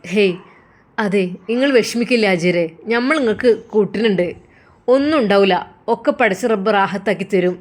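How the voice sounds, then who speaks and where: A composed young man, voiced by a woman narrator, speaks. He is forgiving and self-assured, reassuring the listener in an even, steady tone. This is a spoken storybook scene. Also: mid-range voice, normal speed, lightly acted. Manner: calm, reassuring.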